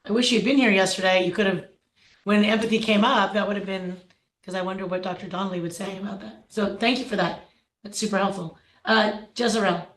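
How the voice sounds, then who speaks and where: A woman's voice: mid-range voice, fairly even intonation, fairly quick, roomy sound. A woman chairing a meeting, upbeat and conversational as she calls on members. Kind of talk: meeting discussion.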